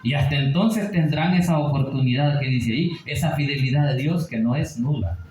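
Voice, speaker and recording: A man's voice: medium pitch, moderate pace, reverberant, a crowd in the background, rough recording. A man preaching a Bible study sermon, asking rhetorical questions and checking in with his listeners. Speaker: pastor.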